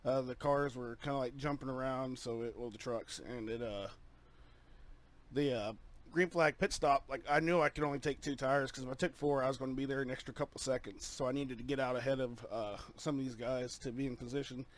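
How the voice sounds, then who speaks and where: A man giving a halting, earnest post-race victory interview as a sim racing driver, full of fillers, talking over a voice-chat headset. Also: mid-range voice, fairly even intonation.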